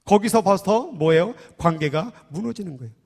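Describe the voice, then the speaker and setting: A man in his thirties leads a church sermon as pastor. His voice sits high for a man and carries through a large hall with a long reverb. He speaks conversationally and keeps prodding the congregation with playful questions. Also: animated, moderate pace, vocal fry. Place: church sanctuary.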